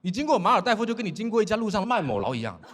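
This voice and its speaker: A man from Fujian performing a stand-up comedy set on stage, telling stories in an animated way and mimicking his shipmates in dry, flat asides. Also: sits high, racing, very noisy. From Fujian, China. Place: comedy stage before a laughing audience.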